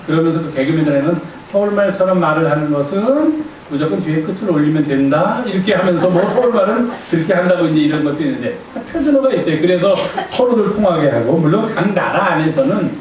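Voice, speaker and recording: A man's voice: a little high, lively intonation, quick pace, hardly any pauses, darkish tone, distant mic, a little hiss or hum. A male pastor giving a conversational sermon, playfully quizzing his congregation. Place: church sanctuary. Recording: echoey church hall from afar.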